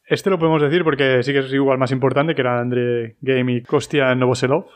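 A man's voice: mid-range voice, steady tone, a little fast. A man from Spain co-hosting a podcast in casual chat, explaining things with hesitant restarts. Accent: Spain Spanish. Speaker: podcast co-host.

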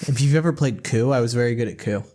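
A man co-hosting a comedy podcast in casual chat, rambling with lots of "like" fillers and dry, deadpan jokes. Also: mid-range voice, fast talker. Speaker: podcast co-host.

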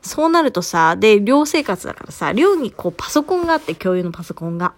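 A woman's voice: mid-range voice, quick pace. A woman in her thirties, co-hosting a casual podcast chat and telling stories with frequent laughs. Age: 30s. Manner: animated storyteller, laughs often. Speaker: podcast co-host.

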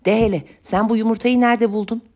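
A sharp-tongued old village healer woman, as a woman reader puts her on, scolding and exclaiming in folksy storybook speech. Her voice sits well above the reader's own low tone and comes out loud and urgent. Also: fairly even intonation, fast talker, close to an everyday voice. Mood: lecturing.

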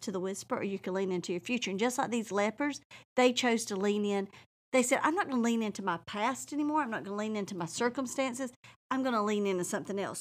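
A woman with a Southern US accent, hosting a faith talk show and exhorting listeners in a fervent, folksy preaching style. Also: mid-range voice. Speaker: host.

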